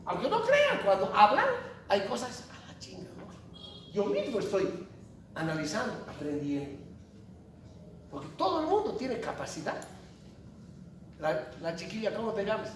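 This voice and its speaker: A lively, high-voiced male lecturer from Bolivia speaks at a moderate pace with frequent pauses, joking animatedly and quizzing his students. The lecture is captured from a distance in a big, echoing classroom with a noisy recording.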